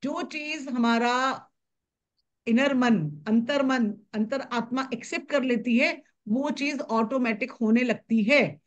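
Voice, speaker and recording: High-voiced woman teaching brisk and repetitive. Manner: brisk, repetitive, conversational explaining. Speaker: spiritual manifestation teacher. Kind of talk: live online class talk.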